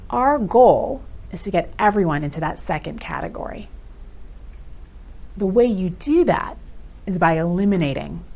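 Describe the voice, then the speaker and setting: Woman presenter quizzing her audience. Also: lowish voice. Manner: direct, quizzes the audience with quick questions. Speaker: workshop presenter. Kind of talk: live workshop presentation. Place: meeting room with a live audience.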